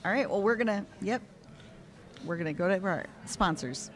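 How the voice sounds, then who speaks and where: A chatty woman co-hosting a live event broadcast from an indoor competition hall. She talks in a relaxed, conversational way at a middle pitch and laughs easily between observations. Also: normal speed, slight background noise. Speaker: co-host and commentator. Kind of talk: live event commentary, casual chat.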